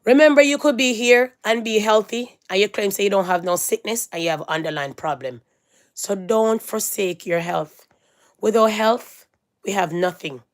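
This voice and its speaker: At a normal speed and in a mid-range voice, a woman vlogger preaches emphatically to her viewers in a casual monologue. Moralizing and insistent, she repeats phrases and swings between loud and hushed delivery.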